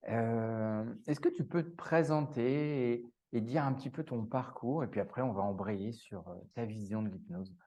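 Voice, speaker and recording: A man's voice: medium pitch, normal speed, warm tone. A man hosting an interview show, introducing his guest with enthusiasm and some fillers. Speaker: podcast host.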